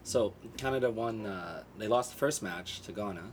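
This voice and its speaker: A man's voice: fairly low pitch, moderate pace, noisy background. A man hosting a podcast, asking short questions in a laid-back, casual interview. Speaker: podcast host.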